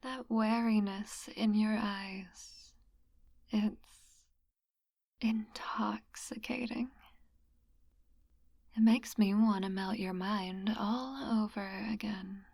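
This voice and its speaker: Woman as a slow, mesmerizing hypnotist classmate, whispered role-play. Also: mid-range voice, steady tone, gravelly, a little mellow, no echo, clean studio sound, exaggerated voice. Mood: mesmerizing, possessive. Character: teasing, gently dominant young woman classmate playing hypnotist.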